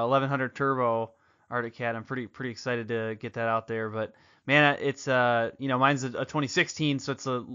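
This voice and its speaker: A man hosting a podcast, friendly and quick to laugh, with lots of fillers as he asks his questions. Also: mid-range voice, pushed and bright, clear, resonant tone, dull audio. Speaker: podcast host. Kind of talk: casual podcast interview.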